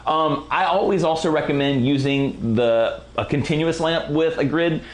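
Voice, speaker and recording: A man teaching a casual photography lighting tutorial in a relaxed, slangy, enthusiastic way while he is losing his voice. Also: fairly high pitch, moderate pace. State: losing his voice, clearing throat. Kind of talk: casual product walkthrough tutorial.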